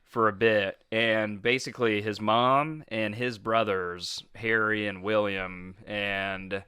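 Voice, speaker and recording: Bright-voiced man telling film history. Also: lowish voice, fairly even intonation, takes it slowly, smooth, no room sound, studio quality. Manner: rambling storyteller, laughs often, many fillers. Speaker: podcast co-host. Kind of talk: casual film history chat.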